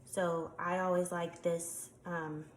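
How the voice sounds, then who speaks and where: Working with her hands, a woman shows a craft step by step while chatting casually, dropping frequent ums. Her congested voice is fairly low, with little pitch movement, and she takes it slowly. The tutorial was recorded in an echoey room with faint background noise.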